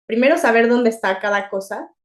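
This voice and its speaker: A young woman with a Mexican accent, co-hosting a podcast in a chatty, animated way and laughing often. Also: a little high, a little fast. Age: young adult. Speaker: podcast co-host. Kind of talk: casual chat.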